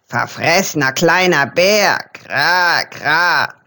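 Kindly raven for a children's audiobook, woman reading, lowered voice, caws between phrases. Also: expressive, extremely slow, sharp tone, heavily acted. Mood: murmuring. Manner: croaking caws between words. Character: croaking raven, kindly and wise.

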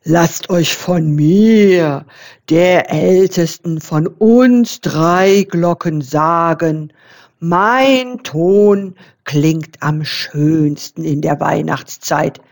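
A woman's voice: low-pitched, a little mellow, pitched below the performer's own voice, exaggerated voice. A woman voicing the oldest of three church bells, proud and solemn, in a storybook. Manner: slow, drawn-out, solemn.

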